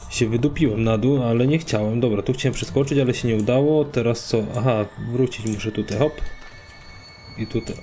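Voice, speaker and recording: A man commentating his own gameplay, swearing a lot, excitable and talking to himself and his viewers. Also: medium pitch. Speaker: let's play gamer.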